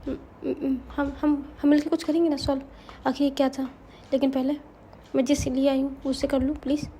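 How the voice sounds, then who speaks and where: Woman doing a young woman's ghost, high voice, mellow tone, soft stammering pleas. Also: level tone, normal speed, a little hiss or hum, lightly acted. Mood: soothing. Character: murdered young woman's ghost, pleading, insistent.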